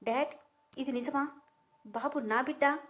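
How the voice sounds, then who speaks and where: A heartbroken young woman shouts through tears in a storybook reading, voiced by a woman narrator. Her voice rises high and loud with hurt and fury, and she cries out sharply. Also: unhurried. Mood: shocked. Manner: tearful, high-pitched shouting. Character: young woman, distraught and furious at betrayal.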